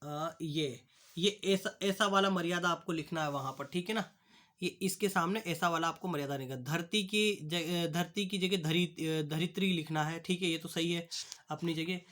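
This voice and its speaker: Young guy teaching a class, high bright voice, keeps restarting words and saying "ok" a lot. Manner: halting, repeats "ठीक है" and restarts words. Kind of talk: classroom lesson explaining answers.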